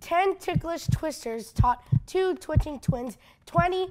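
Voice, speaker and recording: Female game contestant, high-pitched, reciting tricky phrases playfully amid room noise. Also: expressive, slow pace, darkish tone. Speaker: contestant in a tongue twister game. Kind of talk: playful recitation of tongue twisters. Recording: noisy room with clicks.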